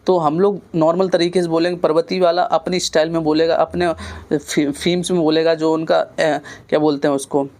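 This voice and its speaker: A man teaching an online exam-prep Hindi lesson from north India, explaining slowly, repeating words to demonstrate pronunciation and mixing in English words. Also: a little high, level tone, darkish tone. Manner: self-corrects and mixes in English words.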